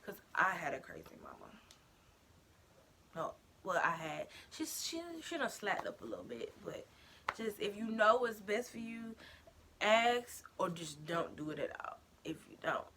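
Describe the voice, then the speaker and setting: A young woman telling a storytime vlog story in an animated, slangy way, talking straight to her viewers. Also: mid-range voice, measured pace, vocal fry, noisy background. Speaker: vlogger.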